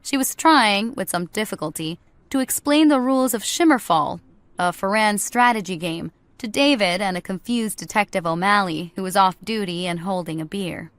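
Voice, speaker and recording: A woman narrating a scripted story in a steady, even way. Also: medium pitch, normal speed, dry recording.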